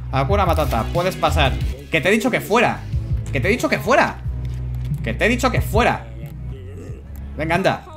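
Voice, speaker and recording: A man with a Spanish accent giving casual, animated commentary on a video game as he plays, swearing and shouting at his own mistakes. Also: on the high side. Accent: Spanish from Spain. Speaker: gameplay YouTuber. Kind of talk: casual let's-play commentary. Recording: music playing behind.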